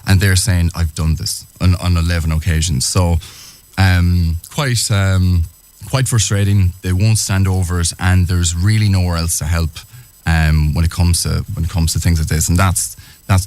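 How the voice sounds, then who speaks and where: A man giving a personal account as a radio interview guest, speaking earnestly with halting, hesitant phrasing. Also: low-pitched, steady tone, darkish tone. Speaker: interviewed guest, small business owner.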